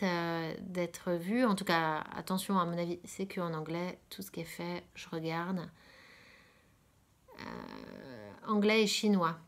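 A woman from France hosting a casual knitting podcast, talking hesitantly with many fillers, often dropping to a soft near-whisper and repeating her words of praise. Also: fairly low pitch. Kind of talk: casual chat about knitting.

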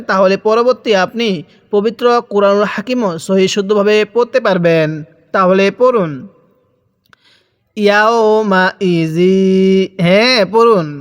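A man's voice: high voice, clear, resonant tone. A male teacher from Bangladesh with a Bangladeshi Bengali accent, giving a recitation lesson, spelling out syllables one by one and having viewers repeat after him.

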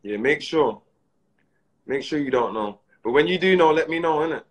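High-voiced man, mocking and excitable. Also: moderate pace. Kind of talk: Instagram live rant. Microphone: phone.

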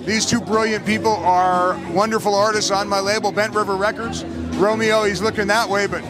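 High-voiced man amid event crowd. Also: little pitch movement, a little fast, rough recording. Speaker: production director, label owner. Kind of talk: casual interview introduction. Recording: music and crowd behind.

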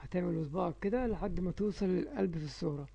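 A male Egyptian teacher with a gravelly, mellow voice, slowly stretching out letter sounds in a phonics lesson for small children. Egyptian Arabic accent, recorded dry with no room echo. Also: high-pitched, lo-fi sound. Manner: slow, drawn-out sounding of letters. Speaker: English teacher for young children.

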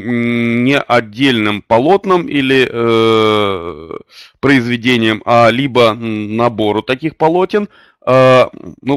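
A man hosting an online webinar, presenting unscripted and pausing often on drawn-out fillers. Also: mid-range voice, a bit bright, smooth, no echo, clean studio sound. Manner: hesitant, many drawn-out fillers. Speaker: webinar host.

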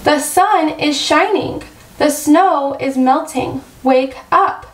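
An eager, cheerful male frog from a children's storybook, high-pitched and unhurried, as a woman reads him aloud. He urges his friend along in a bright, coaxing way. The voice sits back from the mic in a roomy, echoing space. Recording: roomy echo, distant mic.

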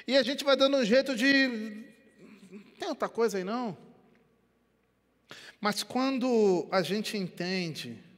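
An older man with a high voice, a pastor from Rio de Janeiro, gives an animated Brazilian Portuguese sermon on a headset mic, his words carrying long church hall reverb. His preaching comes with wide gestures and alternates between quiet moments and loud ones in the sanctuary.

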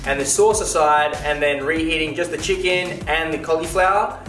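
In an echoey home kitchen with music behind him, a young cooking show co-host offers relaxed recipe steps and playful banter. His voice is on the high side and fairly bright, at a normal speed.

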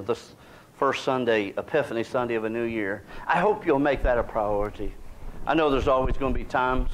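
A man's voice: medium pitch, a little hiss or hum. A middle-aged man, preaching a sermon in a small church in a folksy, conversational way. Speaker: pastor. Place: small church sanctuary, indoors.

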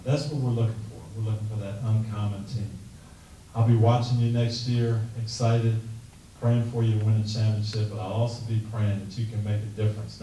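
A middle-aged man with a dark, mellow voice talks in an earnest, measured way, softly pleading at times. His voice rings around a bare, echoey room and is picked up from some distance away by the camera. His pitch sits a little low. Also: slight background noise. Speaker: guest speaker. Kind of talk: motivational talk and prayer. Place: classroom meeting room, indoors. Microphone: handheld mic.

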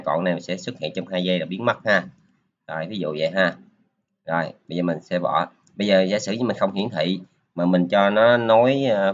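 A man's voice: sits low, a bit bright, muffled recording. A man giving a casual screen-recorded coding lesson, talking his way through each step with lots of filler particles. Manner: casual, talks while clicking through steps, many filler particles. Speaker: programming teacher.

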